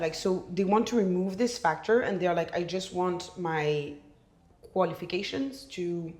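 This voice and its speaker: Guesting on a podcast, a young woman from Belgium, a native French speaker, chats in English with a somewhat low voice and a frank manner. She recounts her story animatedly, restarting often and saying "like" a lot, in a room with a roomy echo.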